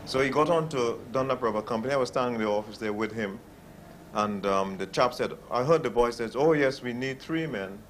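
A middle-aged man from the Indies speaks at a mid pitch. He tells his story loosely, full of "um" and "you know", acting out the lines of the people in it. A faint hiss sits under his voice. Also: fairly quick. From West Indies. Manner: rambling, repeats "you know" and "um", acts out quoted voices. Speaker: interviewee, bakery foreman. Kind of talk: casual storytelling in an interview.

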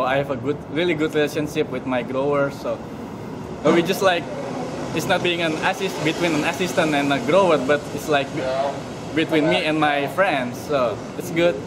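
Young Indonesian intern, relaxed chat, greenhouse noise underneath. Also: male voice, a little high, moderate pace. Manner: friendly, loose, many fillers. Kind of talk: casual to-camera testimonial. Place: large greenhouse, indoors. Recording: clear ventilation noise behind.

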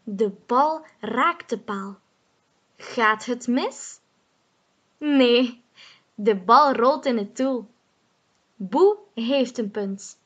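A woman reading a children's story aloud, slowly, clearly and carefully. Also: fairly high pitch, a bit bright, highs cut off.

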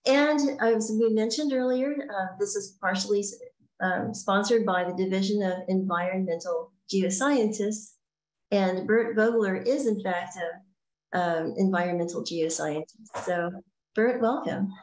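A woman's voice: mid-range voice, measured pace, a little mellow. A woman moderating a webinar, friendly and loose with many fillers. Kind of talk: hosting a webinar. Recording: roomy call audio.

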